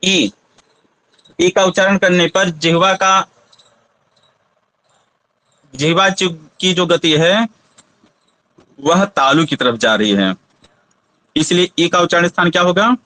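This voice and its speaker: Casting: man, teacher, high unhurried voice, patient and questioning, dry close recording. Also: sharp tone, no echo, low-quality recording. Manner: patient, asks students to try sounds aloud. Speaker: Sanskrit teacher. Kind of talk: classroom lesson on pronunciation.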